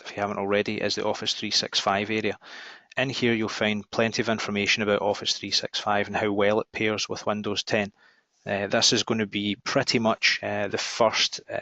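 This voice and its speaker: A man with a Glaswegian Scottish accent giving an informal software demo, speaking in a halting way with frequent ums. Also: on the low side. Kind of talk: informal screen demo narration. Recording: dull, roomy lo-fi recording.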